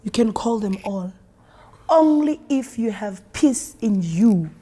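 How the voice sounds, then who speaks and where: A South African woman talking in a calm, measured way during a casual group chat. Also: mid-range voice, slightly rough. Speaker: guest.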